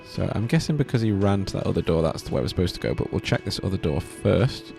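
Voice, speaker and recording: A man with a low, gravelly voice chats casually while playing a video game, joking and reading his choices aloud. Game music plays clearly behind him. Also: very animated, fast. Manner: playful, laughs often, reads dialogue choices aloud. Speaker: gameplay streamer. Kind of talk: casual let's-play commentary.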